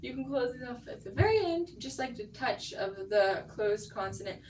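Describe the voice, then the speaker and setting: A woman's voice: a little high, animated, normal speed, a little hiss or hum. Patient young woman coaching, echoey room. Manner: patient, explaining technique with fillers. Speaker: vocal coach. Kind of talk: singing lesson instruction. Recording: roomy, distant mic, faint music.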